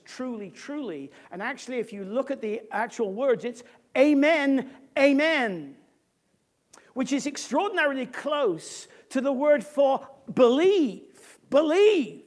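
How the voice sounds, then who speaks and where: A woman preacher delivers a sermon in a lively, swinging voice. She explains scripture with strong emphasis and breaks into casual asides to her listeners. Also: a little high.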